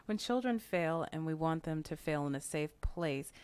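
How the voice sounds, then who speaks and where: Low-voiced woman hosting a talk. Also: lively intonation, normal speed, darkish tone, clean tone. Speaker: host. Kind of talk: casual interview talk.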